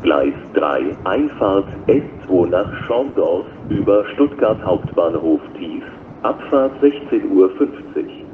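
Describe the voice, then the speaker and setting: A man working as a railway station announcer, reading flat, scripted platform announcements in a measured, formal way. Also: deep voice. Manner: measured, formal, flat delivery in set phrases. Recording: dull lo-fi recording with loud station noise.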